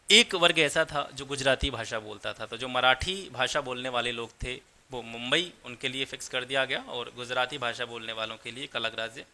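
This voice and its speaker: Male exam-prep lecturer, crisp ringing tone, methodical explainer who doubles up key terms. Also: mid-range voice, sharp tone. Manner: explanatory, mixes English terms, repeats points in Hindi. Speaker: history teacher.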